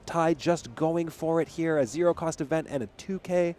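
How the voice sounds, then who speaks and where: A man's voice: a little high, moderate pace, a little mellow. A man giving analytical play-by-play commentary on a card game tournament. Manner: analytical, counting out plays.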